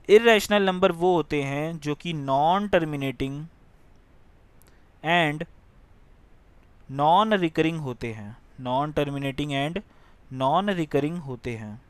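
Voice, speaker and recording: A man's voice: fairly high pitch, no room sound. A young man teaching a math lesson, explaining step by step in a mix and checking that students follow. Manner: explains step by step, often asks if it is clear.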